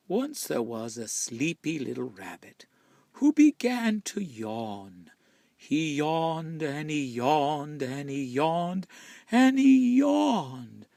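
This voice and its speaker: A man reads a picture book to children with plenty of expression, his voice breathy and often close to a whisper, stretching words out dramatically. His voice sits on the high side with a darkish tone and no echo.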